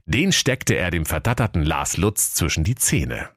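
A man's voice: deep voice, very animated, moderate pace, no room sound, clean studio sound. A man narrating a comic fairy-tale parody in a mock-solemn storytelling manner.

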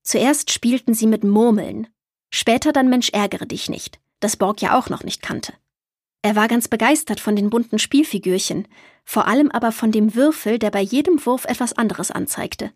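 A woman narrating a children's storybook in a calm, clear storytelling manner. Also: on the high side, no echo, clean studio sound. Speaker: audiobook reader.

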